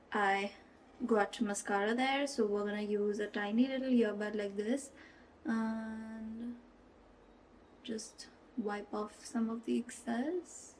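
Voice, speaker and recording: A young beauty vlogger chats casually and giggles while doing her makeup in a get-ready-with-me video, sometimes slipping into a playful fake British accent over her own. Her voice is medium-pitched and somewhat dark, captured roughly and from a distance, with rain and traffic audible outside.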